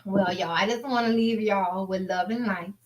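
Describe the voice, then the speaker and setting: A woman's voice: medium pitch, steady tone, normal speed, recorded from a distance, highs cut off. An American woman co-hosting a talk show in casual, encouraging, colloquial motivational chat, often saying "you know.".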